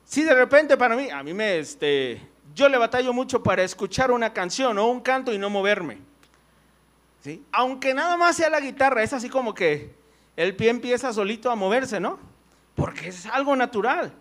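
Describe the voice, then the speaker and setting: Guy preaching, super high voice, loose rambling story style w/ lots of "no?" tags. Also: animated, normal speed, fairly bright tone. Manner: personal storytelling, frequent fillers and "¿no?" tags. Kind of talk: conversational sermon. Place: church.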